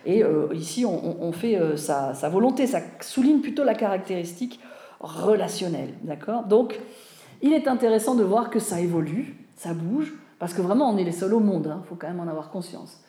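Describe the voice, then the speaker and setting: Warm-voiced woman teaching a live class. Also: on the low side, lively intonation, moderate pace. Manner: conversational, often asks listeners questions and checks with "vous voyez", "hein". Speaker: Bible teacher. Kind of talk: live lecture with audience questions. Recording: roomy echo.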